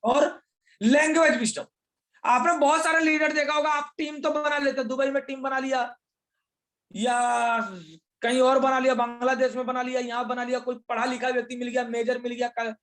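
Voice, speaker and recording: High-voiced man giving a training class. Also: level tone, moderate pace, fairly bright tone. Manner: explains step by step, repeats phrases, mixes Hindi with English words; asks questions and answers them himself. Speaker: leadership trainer. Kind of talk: motivational class lecture.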